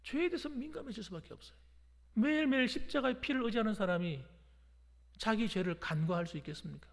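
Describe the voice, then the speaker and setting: A man's voice: high voice, lively intonation, fast, creaky. A man preaching a sermon as a pastor, fervent, calling on the congregation to repeat phrases after him. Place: church sanctuary. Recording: long hall reverb.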